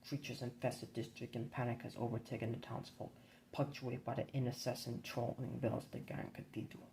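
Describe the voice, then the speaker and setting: A man narrating a dark board game campaign in a measured, grim storybook reading. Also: mid-range voice, little pitch movement, gravelly, a little hiss or hum, rough recording.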